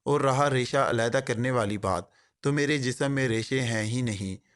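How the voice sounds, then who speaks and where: A man's voice: medium pitch, a bit bright, close to an everyday voice. A man voicing a male secret agent who jokes mockingly, then speaks in a cold, hard tone. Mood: sarcastic. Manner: switches from joking patter to cold, hard tone.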